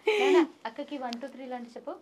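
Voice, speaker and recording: A woman, the child's mother, gently coaxing her little one to answer. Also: high-pitched, expressive, fast. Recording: noisy background.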